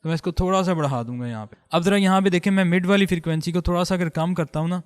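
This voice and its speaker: A man's voice: sits high, smooth, big-room sound. A man hosting an audio tutorial, explaining step by step in a patient way while he adjusts a mixer, talking through a studio microphone.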